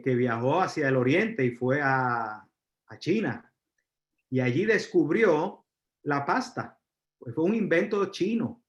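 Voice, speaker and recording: Puerto Rican man lecturing, roomy sound. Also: medium pitch. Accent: Puerto Rican Spanish. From Puerto Rico. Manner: frequent fillers, asks the audience questions. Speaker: university lecturer. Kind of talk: live lecture to an audience. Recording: roomy, dull lecture recording.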